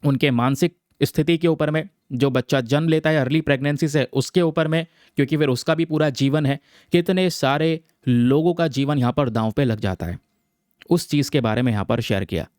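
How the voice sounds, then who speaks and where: Here a man with a voice on the high side talks fairly quickly, his tone clean and a little mellow, in an echo-free studio recording. His lesson for exam students unpacks a newspaper article casually, checking in with viewers he addresses as friends. He blends English terms into Hindi and repeats "theek hai" often.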